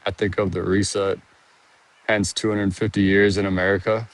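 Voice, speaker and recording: He talks at a normal speed in a lowish, monotone voice. Winded from walking around a monument outside, he live-streams and reads viewer comments, thinking out loud in a wandering way and often starting over.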